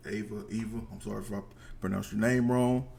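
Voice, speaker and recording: A man's voice: fairly low pitch, steady tone, brisk, creaky, darkish tone. A man with a headset giving blunt, slangy commentary while reacting to a video at home. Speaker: reaction streamer.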